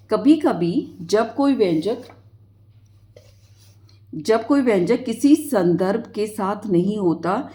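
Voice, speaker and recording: Mellow-voiced woman teaching math. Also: mid-range voice. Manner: explains step by step, asking the class questions. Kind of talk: classroom lesson explanation.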